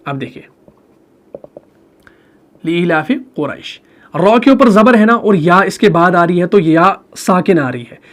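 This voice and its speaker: A man with a Pakistani Urdu accent teaching Quran recitation in an online lesson, patient and repetitive, drawing out his example words slowly. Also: high voice, lively intonation, fairly bright tone. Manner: patient, repetitive, slow drawn-out demonstrations.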